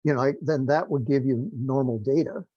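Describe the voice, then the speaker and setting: Heard over a dry, dull, lo-fi call line, a mid-range male voice with a warm tone moves at a brisk pace. The speaker, a project participant with no science background, chats informally in a group technical meeting, rambling, unsure and self-deprecating.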